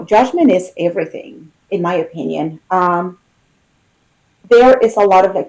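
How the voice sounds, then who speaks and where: A woman giving an unscripted, intimate tarot reading, pausing and thinking aloud as she talks to the listener. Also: fairly low pitch, darkish tone, rough recording. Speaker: tarot reader.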